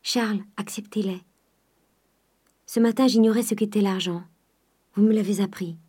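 A woman reading the part of a shy, devoted young provincial heiress, speaking softly and urgently. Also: mid-range voice, fairly even intonation, brisk, breathy edge, close to an everyday voice.

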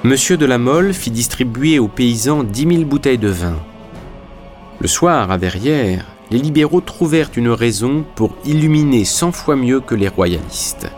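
A man narrating a literary audiobook in a measured, even storytelling manner. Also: mid-range voice, soft background music.

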